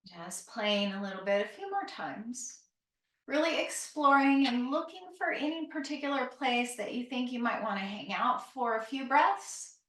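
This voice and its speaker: A woman yoga instructor with a voice on the high side leads a calm grounding exercise, giving gentle, unhurried, encouraging cues for stretching and breathing, her phrases ending softly. The recording is roomy and echoing, from a distant microphone.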